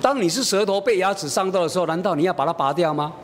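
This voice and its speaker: A middle-aged man preaching a sermon, telling a family story in a homely way and acting out the dialogue. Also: quick pace. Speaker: pastor. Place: church. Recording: reverberant church hall, faint rumble.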